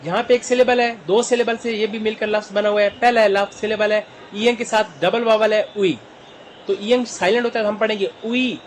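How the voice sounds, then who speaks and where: High-voiced Pakistani man teaching vocabulary. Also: fairly even intonation, poor audio. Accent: Pakistani Urdu. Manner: spells words out slowly syllable by syllable. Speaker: Korean language teacher. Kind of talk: vocabulary lesson.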